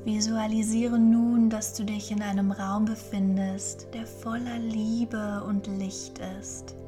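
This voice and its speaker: A woman guides a meditation in a soft near-whisper. Her voice is dark and mellow, slow and even, with gentle, soothing instructions. Faint music plays underneath. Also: mid-range voice. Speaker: podcast host and guided meditation leader.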